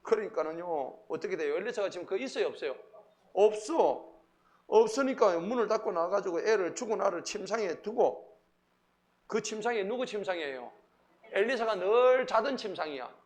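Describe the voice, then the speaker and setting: A pastor preaching a Wednesday sermon in a church, animated, quizzing the congregation and acting out the Bible figures. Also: male voice, sits high, brisk. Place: church sanctuary.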